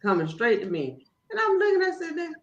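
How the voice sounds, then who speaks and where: Woman guest with a high voice, animated and preachy, recorded in a roomy space. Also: brisk. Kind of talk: casual spiritual conversation. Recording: roomy, dull, faint noise.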